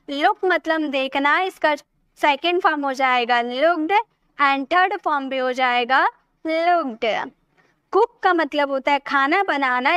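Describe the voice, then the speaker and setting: A woman's voice: high-pitched, fairly bright tone, no echo. A woman teaching an English grammar lesson, explaining each rule patiently step by step and checking often whether her students have understood.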